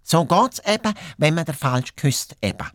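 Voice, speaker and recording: A man putting on a cocky little hare knight for a storybook, high and excited, tacking his last words on again. The voice swoops about brightly with a lilt. It is recorded dry and close. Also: unhurried, no echo. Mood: cheeky. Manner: high excited repetitive boasting, repeats phrase ends. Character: boastful cowardly male hare knight.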